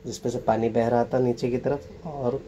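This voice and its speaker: A man with a mid-range voice walks viewers through an outdoor spot, narrating casually and pointing things out as a tour guide would. He is recorded outdoors beside a waterfall, with a faint wash of rushing water behind him. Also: mid-range voice, little pitch movement, background noise. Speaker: travel vlogger. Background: rushing water and outdoor ambience.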